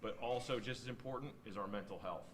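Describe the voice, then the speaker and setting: A man's voice: lowish voice, fast talker, noisy background. A middle-aged American man, a senior police officer, giving an informal, plain-spoken, encouraging speech to new recruits. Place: indoor ceremony venue.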